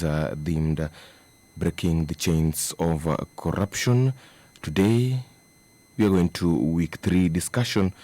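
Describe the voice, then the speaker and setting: A Kenyan man hosting a radio program in a studio, giving formal, measured introductions. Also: low voice, warm tone, no room sound. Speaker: radio presenter.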